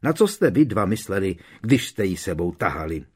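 A man's voice: big pitch swings, breathy edge, heavily acted. A man reading aloud, voicing a frantic, protective middle-aged mother who screeches her scolding. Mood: shrill scolding. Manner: shrill, scolding.

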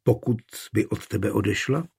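Muž dělající přísnou starou matku. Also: male voice, fairly low pitch, vocal fry, darkish tone, slightly rough, exaggerated voice. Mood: firm. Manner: firm, scolding. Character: older woman, stern mother, confiding.

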